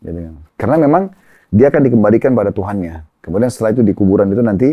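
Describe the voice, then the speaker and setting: A man, an Islamic preacher, calmly explaining religious teaching in conversation and citing sayings point by point. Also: fairly low pitch, no echo, phone-quality sound. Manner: calm, measured, cites hadith and lists points.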